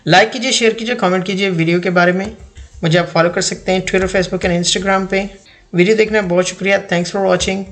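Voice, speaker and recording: Gravelly, higher-pitched male teacher. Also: steady tone, a bit bright. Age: 30s. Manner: deliberate, repeats each example sentence twice. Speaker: English teacher. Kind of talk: slide-based lesson voice-over.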